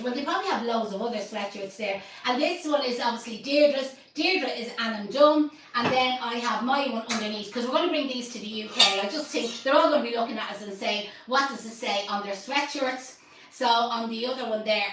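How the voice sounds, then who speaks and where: A woman's voice: on the high side, a bit bright, heavy reverb, far from the mic, a little hiss or hum, low-quality recording. An Irish woman hosting a casual live stream, chatty and joking, laughing often. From Ireland. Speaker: host.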